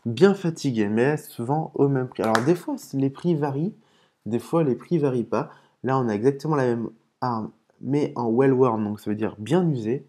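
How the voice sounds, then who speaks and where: A man hosts a laid-back gaming video, talking the viewer through each case he opens. His voice sits in an ordinary middle register with a warm, mellow tone. He explains things patiently, trails off into fillers, and mutters curses under his breath at his own fumbles. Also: medium pitch, normal speed. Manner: hesitant, with frequent "euh" and restarts. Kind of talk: casual commentary while opening game cases.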